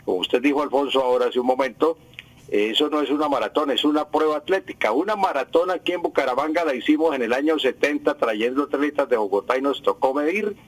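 A man's voice: medium pitch, fast, low-quality recording. An older man answers listeners' language questions on the radio, teaching patiently and repeating the key words. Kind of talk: radio call-in explanation.

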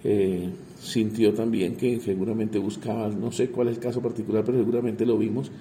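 Halting politician, very dark voice. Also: male voice, lowish voice, level tone, a little hiss or hum. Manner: halting, repeats words while searching. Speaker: congressman. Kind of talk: interview answers.

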